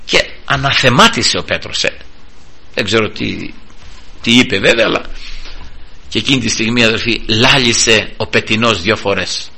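A man preaching a sermon with fervor, repeatedly calling out to the congregation as brothers, with halting restarts and sudden swings in pitch and loudness. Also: husky. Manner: fervent, swings sharply up and down in pitch and volume; addresses listeners constantly as brothers, halting restarts.

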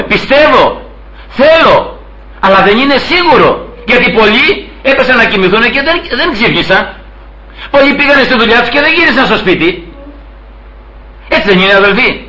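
A man's voice: very high-pitched, bright, forceful tone, poor audio. A man preaching a sermon to his congregation, earnestly addressing them as brothers and acting out the people he quotes.

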